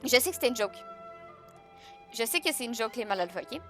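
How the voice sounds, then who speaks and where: A young woman with a Québécois French accent chats on a live stream, joking and answering her viewers. Her voice sits a little high, and she keeps the talk loose and teasing. Faint music plays behind her. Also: animated, fairly quick, pushed and bright. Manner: joking, chatty, laughs often, answers chat. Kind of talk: casual live-stream chat.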